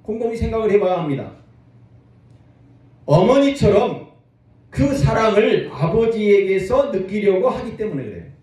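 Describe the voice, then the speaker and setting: A man preaching in a high, animated voice that climbs and drops as he works the congregation. He sounds set back from the mic, and a heavy echo fills the hall around him. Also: normal speed, long pauses, far from the mic. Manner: lively preaching with call-and-response to the congregation. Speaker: pastor. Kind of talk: sermon.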